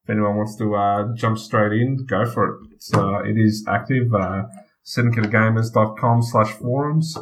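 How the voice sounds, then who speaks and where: A fairly low-voiced man co-hosting a gaming podcast. He chats in a relaxed, easygoing way, filling pauses with hesitant uhs. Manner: relaxed, hesitant with many uhs when signing off. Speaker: podcast co-host. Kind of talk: casual chat.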